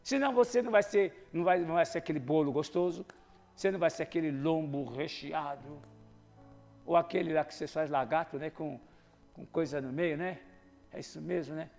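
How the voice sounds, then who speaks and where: A man preaching a sermon in a conversational way, moving between soft asides and loud exhortation. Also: a little high, a little fast, creaky, soft background music.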